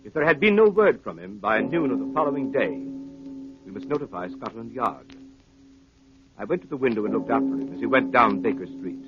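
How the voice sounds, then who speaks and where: A man's voice: medium pitch, lively intonation, close to an everyday voice. Man as grave storytelling doctor, muffled radio. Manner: measured, formal storytelling. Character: grave, loyal doctor narrating his friend's case. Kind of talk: 1930s radio drama narration. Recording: muffled 1930s radio recording. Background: music.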